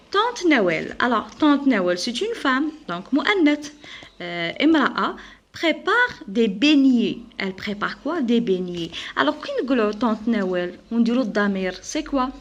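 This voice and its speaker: A woman teacher with an Algerian accent, giving a French lesson to children. She spells out words slowly and carefully, asks questions, and answers them herself. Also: fairly high pitch, muffled recording. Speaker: primary school teacher.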